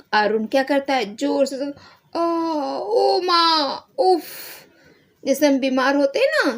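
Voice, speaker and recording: Slow, lively woman teaching children. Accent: Marathi-influenced Hindi. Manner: slow, explanatory, acts out character lines with rising pitch. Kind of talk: reading and explaining a school lesson to children.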